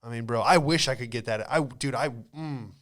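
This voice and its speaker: In a mid-range, slightly bright voice at a moderate pace, an American man in his late twenties hosts a podcast and spins comedic tales, casual, slangy, and wandering.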